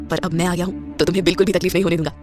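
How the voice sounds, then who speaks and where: A woman voicing a composed, proud young businessman in a spoken audio story, in a slightly lower, quieter voice. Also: animated, very fast, faint music behind, close to an everyday voice. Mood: thoughtful.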